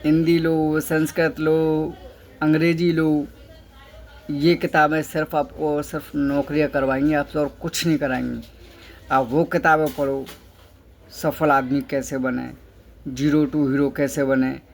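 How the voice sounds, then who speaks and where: A man's voice: fairly high pitch, level tone, a little slow. A man giving a motivational talk, instructing listeners step by step, asking questions and answering them himself, and repeating key phrases for emphasis. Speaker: motivational speaker.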